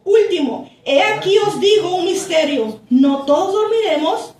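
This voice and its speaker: A woman pastor preaching a sermon, slowly reading scripture aloud and explaining it to her congregation, calling them brothers. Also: extremely high pitch, lively intonation, darkish tone. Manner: slow, deliberate reading that stretches key words, with asides to the congregation. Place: church. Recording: echoey church room, voice from a distance.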